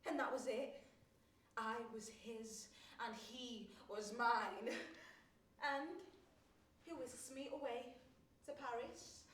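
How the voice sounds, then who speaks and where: A wry, lovestruck young graduate with a high voice, on stage. She lingers on her words and mocks herself with dramatic flair. The sound is roomy and heard from far off in a theatre. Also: takes it slowly, long pauses, fairly bright tone. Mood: dreamy. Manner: dramatic, self-mocking, laughing between lines. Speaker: stage actress performing a monologue. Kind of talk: theatrical monologue.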